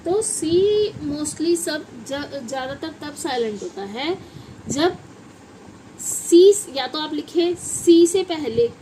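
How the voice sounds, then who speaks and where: A woman's voice: sits high, expressive, takes it slowly, mellow, a little hiss or hum, poor audio. A woman with a Hindi accent teaching English pronunciation in a classroom style, often asking questions and answering them herself.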